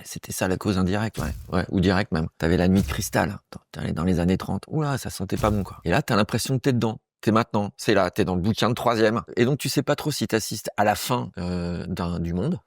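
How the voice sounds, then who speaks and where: A man delivering a rambling, slangy comic monologue to camera, crude and excitable, dropping into quick voices. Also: deep voice, no room sound, clean studio sound. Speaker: comedic monologue host. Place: small room, close to camera.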